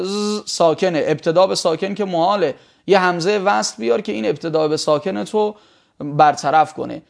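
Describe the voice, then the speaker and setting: High, gravelly male grammar teacher. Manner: quizzes students, spells out vowel sounds. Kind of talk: classroom lecture.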